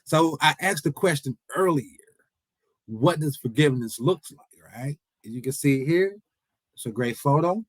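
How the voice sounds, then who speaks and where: A man's voice: on the high side, no echo, rough recording. A man in his forties giving an earnest motivational speech, repeating his points and imploring the audience. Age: 40s. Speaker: motivational speaker. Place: event hall.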